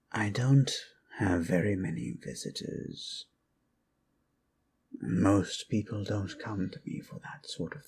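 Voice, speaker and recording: In this ASMR fantasy roleplay, a man takes on the role of a polite, meandering lich who is both healer and storyteller, speaking slowly with formal courtesy and a musing air. His exaggerated voice is deep, gravelly and a little mellow, sometimes breathy, carrying a slight hiss or hum and a wry, reflective mood.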